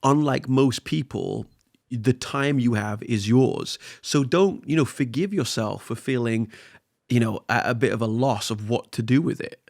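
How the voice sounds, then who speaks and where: An earnest man speaks with a gravelly, creaky edge to his voice. He talks motivationally, circling back and repeating words as he works out his thoughts. The sound is dry and close, with no room around it. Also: medium pitch, measured pace, a little mellow, no echo. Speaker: podcast guest, spoken word artist. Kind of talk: casual conversation.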